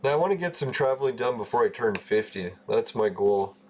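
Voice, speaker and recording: A man's voice: medium pitch, animated, a little fast, darkish tone, a little hiss or hum. Profane, rambling man in his forties. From Canada. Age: 40s. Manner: loose, profane, laughs at his own stories. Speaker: gaming livestream host. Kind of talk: casual rambling chat.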